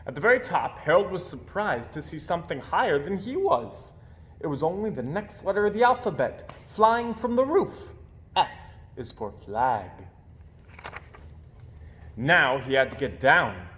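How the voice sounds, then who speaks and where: A man reads a children's picture book aloud like an expressive storyteller, giving key words theatrical emphasis. His voice is fairly high and his pace measured.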